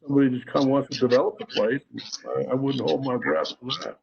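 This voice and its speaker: A man's voice: mid-range voice, fast talker, creaky, highs cut off, crowd noise. A man on a town committee speaking bluntly and skeptically at an online meeting. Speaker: committee member.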